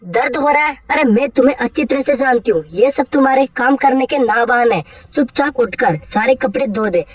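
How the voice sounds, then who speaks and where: A woman's voice: high-pitched, fairly quick, slightly rough, dry recording, recorded from a distance. A woman voicing a cruel, berating middle-aged mother in a cartoon story. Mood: scolding. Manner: harsh, berating.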